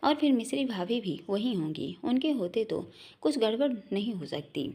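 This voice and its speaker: A woman's voice: on the high side, very animated, moderate pace, dark tone, husky, full character voice. A woman reading the lines of a cheerful young man who jokes and reassures, in a storybook reading. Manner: joking, reassuring.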